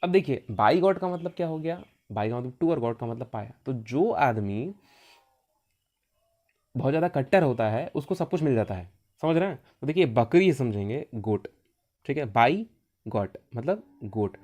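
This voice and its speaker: A man's voice: medium pitch, animated, normal speed, darkish tone. A male teacher giving an exam-prep vocabulary lesson, asking questions and answering them himself, repeating key points. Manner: repetitive, asks and answers own questions.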